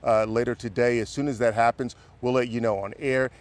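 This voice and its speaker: A male television news reporter with an American accent delivers a live report. His delivery is conversational and a little halting, as if he is putting the account together while he speaks. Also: mid-range voice, steady tone. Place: courthouse, live on location.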